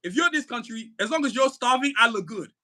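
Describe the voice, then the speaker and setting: On a podcast, a male co-host rails against politics in a very high-pitched, expressive voice at a quick pace. He's angry and emphatic, dropping curses and sometimes yelling.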